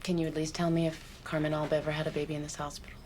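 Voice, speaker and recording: An actress playing an earnest woman detective who speaks softly and politely, with some hesitation. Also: low voice, completely flat delivery, rapid-fire, a little hiss or hum, natural voice. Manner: soft-spoken, polite, hesitant.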